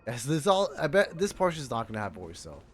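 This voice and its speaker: Game music runs beneath a man streaming a game, whose mid-range voice is sing-song and a little fast. He reads text aloud and reacts casually, his talk informal and full of self-interruptions.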